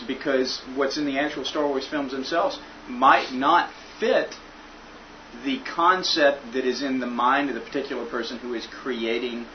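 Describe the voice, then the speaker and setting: Guy co-host talking it through, mid-pitched, stumbles over words, dull recording with light hiss. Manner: earnest, repeats words as he thinks. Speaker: podcast co-host. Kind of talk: casual podcast discussion. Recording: muffled lo-fi with faint hiss.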